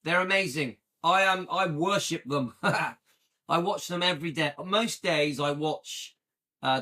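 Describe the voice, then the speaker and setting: His voice sits fairly high, pushed and bright: a UK man in his late fifties hosting a livestream. He keeps up casual, enthusiastic chat with viewers, checking in with "yeah?" again and again.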